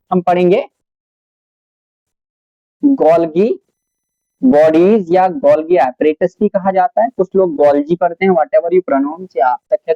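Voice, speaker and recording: Here a man with a high, warm voice teaches biology at the board, posing questions to students and then supplying the answers, with English terms sprinkled through his explanation. The sound has no echo but is dull.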